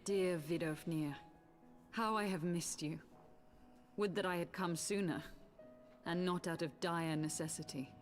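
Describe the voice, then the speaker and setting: An actress as an earnest noble envoy. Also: female voice, lowish voice, steady tone, a little slow, pauses often, close to an everyday voice. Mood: wistful. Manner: formal, earnest, pleading diction. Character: earnest, noble young woman envoy pleading for peace. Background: game music.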